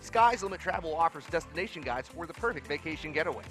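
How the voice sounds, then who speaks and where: A man reading a travel agency commercial in a measured, even delivery. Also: on the high side, faint music behind.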